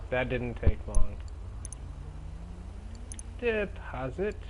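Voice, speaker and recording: A young man giving casual, rambling, slangy and profane commentary while playing a video game. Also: medium pitch. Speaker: gaming commentator. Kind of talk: casual let's play commentary. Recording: clearly noisy, game engine sounds behind.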